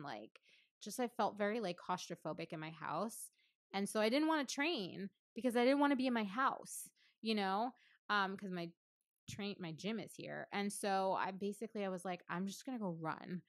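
A woman's voice: mid-range voice, moderate pace, no room sound, clean studio sound. A woman physical therapist in her thirties, chatting casually and telling a story with lots of fillers and laughter. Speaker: physical therapist and podcast co-host. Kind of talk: casual chat.

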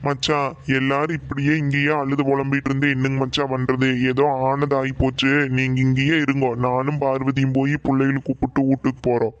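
Brief: man as steady village uncle, Coimbatore Kongu accent, firm soothing manner, dull dry sound. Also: mid-range voice, brisk, clear, resonant tone, no echo, natural voice. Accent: Kongu Tamil (Coimbatore). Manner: firm, soothing, with polite -ngga endings. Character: calm middle-aged village uncle, firm peacemaker.

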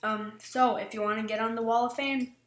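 A woman's voice: fairly high pitch, fairly even intonation, a little fast, roomy sound. A woman giving casual, giggly, self-deprecating gameplay commentary as a vlogger. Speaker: gaming vlogger.

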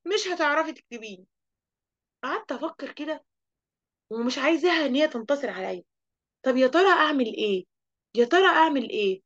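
A woman with an Egyptian accent teaching an online lesson to young children, lively and asking the class questions she then answers. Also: high-pitched, lo-fi sound. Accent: Egyptian Arabic. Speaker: primary school teacher.

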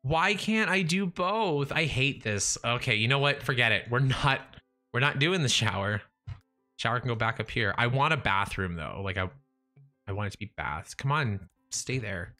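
In a small room at home, a young gamer livestreams a building game, chatting with his audience and himself at a moderate pace over faint music. His mid-range voice is animated, bright and forceful, captured by a studio mic in front of his face. He restarts and trails off often, and mentions his voice is going.

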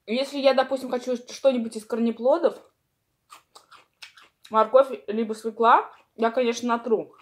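A woman's voice: fairly high pitch, fairly even intonation, moderate pace, pauses often. A woman vlogger chatting casually and rambling while she eats, talking with her mouth full. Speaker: mukbang vlogger. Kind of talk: casual chat while eating.

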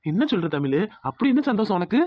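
A man voicing a gentle, puzzled young village husband in a cartoon. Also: high voice, very animated, fast, no room sound, lo-fi sound. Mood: teasing. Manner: plain, wondering, teasing.

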